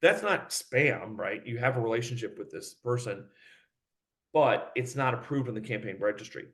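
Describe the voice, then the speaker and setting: A man being interviewed as a company head, talking in an animated, fast way and acting out the voices of people in his stories. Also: medium pitch. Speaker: guest, company CEO.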